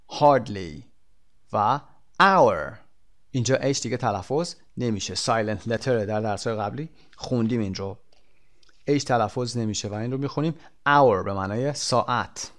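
Man teaching English words. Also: mid-range voice. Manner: reads English words slowly and carefully, explains quickly in Persian. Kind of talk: bilingual textbook lesson.

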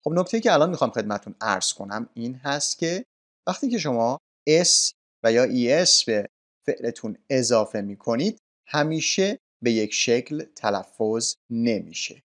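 Brief: male teacher, Persian accent, calm explanatory lesson delivery. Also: mid-range voice. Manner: patient, explanatory, polite formal address. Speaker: English teacher.

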